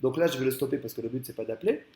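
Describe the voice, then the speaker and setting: Man, software tutorial, casual explaining, headset mic, mid pitch, echoey room. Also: racing, a little hiss or hum. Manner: casual and explanatory, many fillers and restarts. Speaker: software trainer. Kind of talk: screen-recorded software tutorial.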